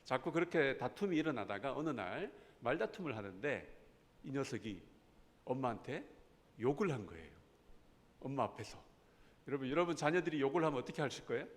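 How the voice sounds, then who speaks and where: A man in his fifties who teaches a church Bible class, telling a story and acting out the quoted lines of an argument, often putting questions to his audience. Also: mid-range voice. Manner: animated, acts out quoted arguments with rising voice. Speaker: professor teaching a lay Bible school. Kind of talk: lecture with storytelling. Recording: long hall reverb.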